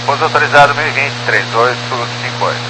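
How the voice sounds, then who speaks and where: A man's voice: mid-range voice, fast talker. A male pilot giving clipped readbacks in a police-radio manner over a two-way radio. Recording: very noisy aircraft radio with hum.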